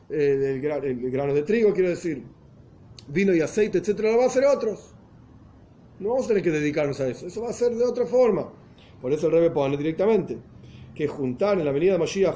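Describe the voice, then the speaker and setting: A man's voice: high-pitched, mellow. A man teaching a religious text, explaining step by step and often rephrasing himself as he goes. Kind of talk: explanatory lesson in Spanish with Hebrew and Yiddish terms.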